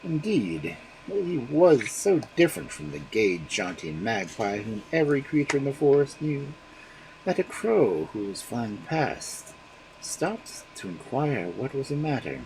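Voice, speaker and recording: A male storyteller reads fairy tales aloud on a livestream. His telling is dramatic and expressive, and his pitch rises and falls widely. A faint hiss sits behind him. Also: measured pace, vocal fry. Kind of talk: fairy-tale reading on a livestream.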